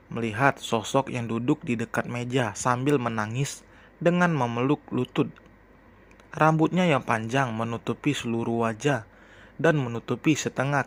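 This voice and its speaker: Male storybook narrator, mid pitch, calm and steady.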